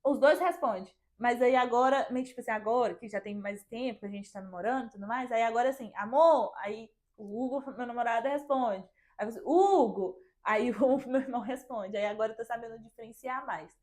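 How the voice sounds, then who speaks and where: A young woman guest telling personal stories in a lively, chatty way with lots of filler phrases. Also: fairly high pitch, fairly quick, hardly any pauses. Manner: lively storyteller, fills with "meio tipo assim". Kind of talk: casual chat.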